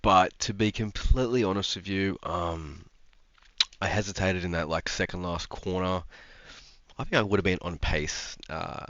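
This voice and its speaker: Congested from a cold, a young man chats casually to the camera about sim racing, rambling with many ums and restarts. His low, fairly bright voice goes at a moderate pace, and the recording is muffled with no room sound.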